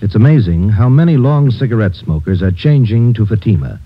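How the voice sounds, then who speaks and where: Male 1950s radio pitchman, lively intonation, husky, scripted sell, muffled vintage sound. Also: brisk. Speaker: radio commercial announcer.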